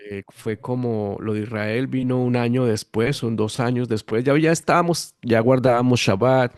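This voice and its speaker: A man's voice: mid-range voice, normal speed, dry recording, studio quality. A Colombian man in his fifties with a Bogotá accent, a pastor telling his testimony animatedly in an interview. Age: 50s. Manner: lively animated storytelling, acting out quoted voices. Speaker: guest pastor. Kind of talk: storytelling testimony.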